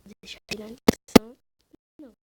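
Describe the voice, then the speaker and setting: A woman with a Brazilian accent, host of a gaming channel, whispers casual gameplay commentary at home at night while her family sleeps. Her hushed voice is a little high and steady, moving at a quick pace over heavy background noise.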